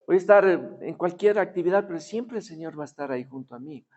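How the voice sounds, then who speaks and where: A man's voice: fairly high pitch, expressive, quick pace, darkish tone. A man preaching a sermon in a conversational tone, often asking his listeners to agree and acting out the voices in his stories. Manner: acts out quoted voices in his story. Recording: dull lo-fi recording.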